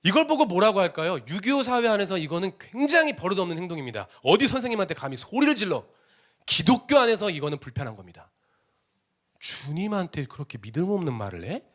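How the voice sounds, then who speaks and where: A man preaching an emotional Sunday sermon in a church, swinging between loud exclamations and hushed whispers. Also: high voice, sing-song, quick pace. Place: church sanctuary.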